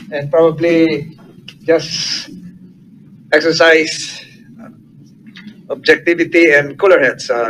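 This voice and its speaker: A man chairing a hearing, asking formal, polite questions with some halting pauses. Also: on the high side, a bit bright, a little hiss or hum, poor audio.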